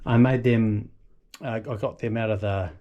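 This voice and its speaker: A man giving a casual, unscripted walkthrough of a boat's engine room, halting a little as he thinks aloud and points things out. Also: on the low side, steady tone, dark tone, highs cut off. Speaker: boat owner giving a tour. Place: small boat engine room.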